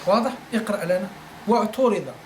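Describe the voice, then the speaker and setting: A man's voice: high voice, a little fast. A male teacher from Algeria giving a classroom lecture, repeating his points and asking listeners whether they follow. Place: study circle room. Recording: echoey room, faint noise.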